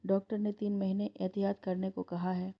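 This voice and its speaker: A woman's voice: mid-range voice, little pitch movement, normal speed, creaky. A caring older mother, read by a woman. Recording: dull lo-fi recording.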